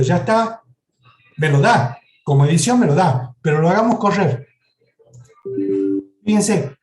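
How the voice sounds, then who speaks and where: A man's voice: high voice, a little mellow. A man teaching a university programming class, explaining step by step and often checking in with the students. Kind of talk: live lecture with software demo. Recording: echoey classroom recording.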